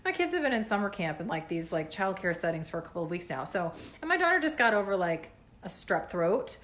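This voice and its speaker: A woman's voice: on the low side, sing-song, a little fast, fairly bright tone. A woman in her thirties vlogging as a mom, talking in an anxious, rambling way with many fillers and a runny nose. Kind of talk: casual vlog rant.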